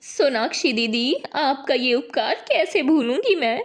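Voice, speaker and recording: A woman's voice: high-pitched, animated, unhurried, full character voice. Woman doing an anxious, pleading poor mother. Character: poor young mother, desperate and distressed.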